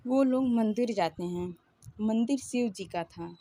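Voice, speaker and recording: A woman telling a romantic story in a gentle, emotional narrating voice. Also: on the high side, measured pace.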